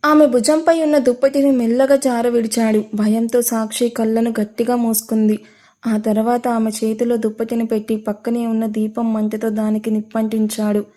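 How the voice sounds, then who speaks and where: A woman's voice: a little high, little pitch movement, normal speed, dark tone. Woman narrating an audio story.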